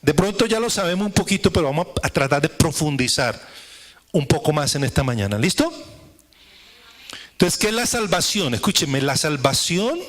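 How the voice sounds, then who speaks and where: A man preaching in a church service with a fairly high voice. He works in an emphatic, repetitive cadence and keeps turning to the congregation with rhetorical questions. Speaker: pastor. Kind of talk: sermon.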